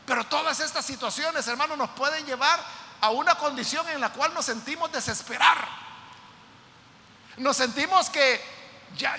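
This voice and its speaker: Bright-voiced male preacher teaching. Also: very high voice, long reverb tail, slight background noise. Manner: explains with repeated rhetorical "¿verdad?" and addresses listeners as brothers. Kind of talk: sermon teaching on a psalm.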